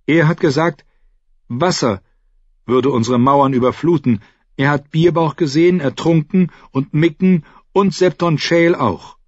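A man voicing a frightened young noble boy who asks anxious, rushed questions. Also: a little high, no echo, lo-fi sound, pitched above the performer's own voice. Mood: worried.

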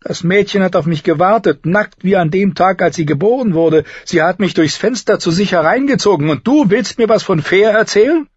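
A man's voice: high-pitched, moderate pace, hardly any pauses, breathy edge, dry recording, voice pushed up. A man voicing a sneering young recruit. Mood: mocking. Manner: sneering, loud. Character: boastful mocking young male recruit. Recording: slightly dull recording.

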